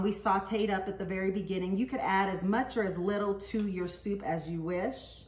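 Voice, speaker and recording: A woman's voice: mid-range voice, slight background noise. A woman hosting a cooking show in her kitchen, talking through each step in an easygoing, chatty way with frequent fillers. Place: home kitchen. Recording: roomy echo, voice from a distance.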